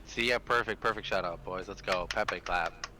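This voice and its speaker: A man's voice: low-pitched, moderate pace, heavy background noise. A man from Canada, chatting on a stream in a laid-back, joking way full of crude banter. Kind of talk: casual stream chat.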